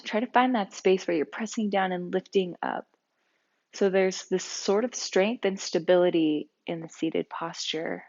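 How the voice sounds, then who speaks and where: A woman leading a guided yoga and breathing class, speaking calmly and slowly with soft-spoken guidance. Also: on the low side, lo-fi sound. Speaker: yoga instructor.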